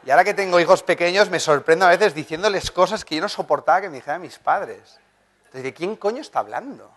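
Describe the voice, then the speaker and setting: A man gives a motivational conference talk with a slightly high voice. He is animated, tells personal anecdotes and jokes with the audience. His delivery is expressive and conversational. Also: fast talker. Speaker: conference speaker, journalist and writer. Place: conference hall.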